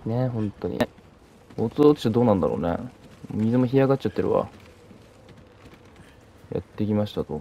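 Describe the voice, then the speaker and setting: A man giving casual, excitable commentary on a horror game he is playing, reacting loudly, joking to himself and mouthing silly sound effects. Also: fairly low pitch, lo-fi sound, slight background noise. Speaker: let's play commentator.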